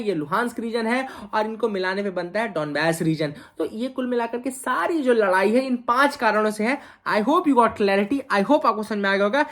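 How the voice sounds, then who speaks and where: A woman teaching an explanatory video lesson for exam students in a chatty way, asking rhetorical questions and mixing in English phrases. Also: mid-range voice. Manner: mixes English phrases into speech.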